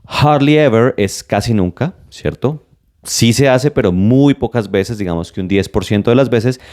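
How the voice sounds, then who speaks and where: A man teaching an English lesson step by step, energetic and emphatic, with lively swings in his voice. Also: medium pitch, normal speed. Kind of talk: classroom-style lesson.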